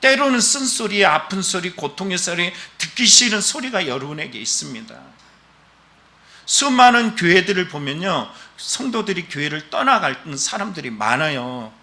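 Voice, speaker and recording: A man preaching a Sunday sermon in a church, with a high-set voice that swings widely up and down. His tone is very bright and piercing. He presses his listeners with rhetorical questions and emphatic calls. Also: sing-song, moderate pace. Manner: emphatic, exhortative. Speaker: pastor. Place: church during a worship service.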